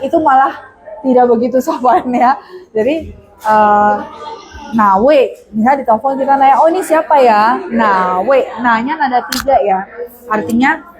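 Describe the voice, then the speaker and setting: A woman teaching Mandarin in an online class, patiently explaining and modeling polite phrases slowly. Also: a little high, low-quality recording. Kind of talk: online language lesson.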